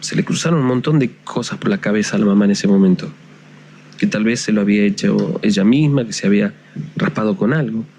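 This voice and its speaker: A man telling a ghost story in a measured, suspenseful way. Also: on the low side, vocal fry, mellow, a little hiss or hum.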